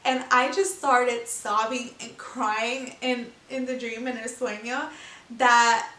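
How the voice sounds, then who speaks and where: A woman's voice: a little high, slow. Chatty pregnant woman in an echoey room. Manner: chatty, animated storytelling with laughs. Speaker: vlogger. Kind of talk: casual chat to camera. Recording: echoey room, mic at a distance.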